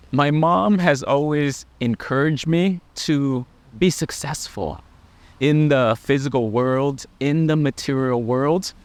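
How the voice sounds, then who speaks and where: A middle-aged man, a Buddhist monk, speaking to camera in a gentle, earnest way. He talks very slowly, leaving pauses between thoughts, at an ordinary pitch for a man. The sound is dry and close, with no room echo. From Laos. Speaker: Buddhist monk sharing life lessons. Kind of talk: personal reflective talk to camera.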